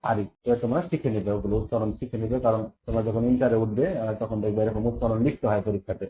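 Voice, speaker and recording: A man teaching a pronunciation lesson to schoolchildren, explaining step by step and repeating words slowly to drill them. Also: on the low side, steady tone. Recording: slightly dull lo-fi recording with faint noise.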